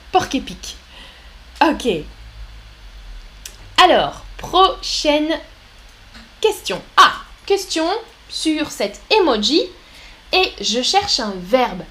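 Slow, high-voiced woman teaching French. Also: sing-song, pushed and bright. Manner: slow, clear teaching delivery, reads out viewer comments. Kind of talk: live-streamed French lesson.

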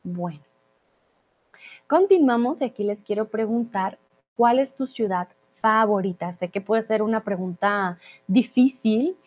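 A woman from Colombia teaching Spanish in a live online class, reading out viewer comments and slowly stressing key words. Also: medium pitch, animated, darkish tone, lo-fi sound. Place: Mexico.

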